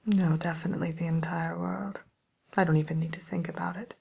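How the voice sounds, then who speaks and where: A woman voicing a vain, condescending wicked witch in an in-character ASMR chat, drawling in a breathy, creaky, self-satisfied way. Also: lowish voice, level tone, a little fast, darkish tone, exaggerated voice. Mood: smug whispering.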